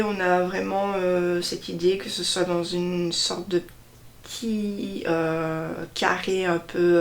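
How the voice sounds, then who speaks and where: A woman slowly presenting a deck of cards one by one, hesitating often and stressing each card name. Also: on the low side, gravelly. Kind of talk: casual card unboxing walkthrough.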